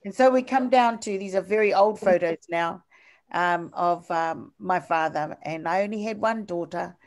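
Presenting slides during a video call, an older woman with a New Zealand accent and a fairly low voice stumbles through her lecture. Fillers and restarts come often.

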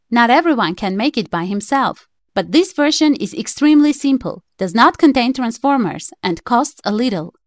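Lively, high-voiced woman narrating a DIY build. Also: no room sound, studio quality. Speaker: DIY electronics channel narrator. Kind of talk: scripted voice-over narration.

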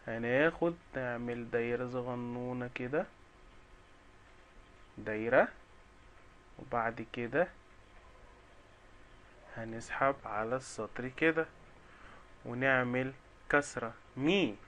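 A man with an Egyptian Arabic accent leads an alphabet lesson for young children. His voice is bright and forward, and he takes his time, stretching each syllable out slowly. He coaxes and cheers the kids along as he sounds out each one. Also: mid-range voice, slight background noise. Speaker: children's teacher.

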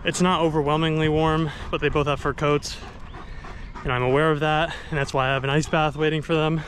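A man's voice: fairly high pitch, flat delivery, brisk, a bit bright, a little hiss or hum. Chatty upbeat man vlogging outdoors. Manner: chatty, upbeat, talks to his dogs. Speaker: vlogger running with his dogs. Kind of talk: casual vlog narration. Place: outdoors on runs and in a yard.

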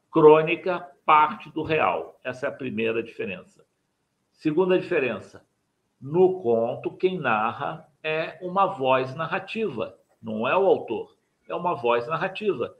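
A man's voice: a little high, dull audio. An older man teaching writing in a live online mini-lesson, explaining his points step by step and repeating them, recorded through a webcam in a home study. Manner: didactic, repeats key points, asks viewers to like and subscribe.

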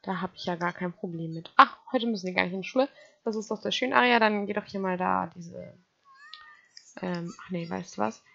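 A woman's voice: lowish voice, fairly quick, creaky, bright, forceful tone, lo-fi sound, a little hiss or hum. A woman giving casual let's play commentary, chatting to her game characters and to her viewers.

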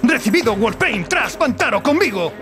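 Bold animated animal martial-arts hero. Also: male voice, very high-pitched, moderate pace, full character voice. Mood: commanding, determined. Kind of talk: animated cartoon dub acting. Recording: loud music behind the voice.

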